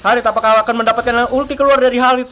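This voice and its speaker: High-pitched, excited male esports announcer. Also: racing, slight background noise. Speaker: esports match caster. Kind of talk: excited live game commentary, like a fighting game announcer. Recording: music behind the voice.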